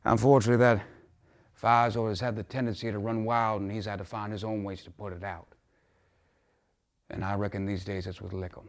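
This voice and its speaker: In a theatrical monologue, a man voices a troubled, folksy father who pleads with earnest feeling. His mid-range voice sounds natural, and he moves between halting moments and impassioned ones. The mood is rueful.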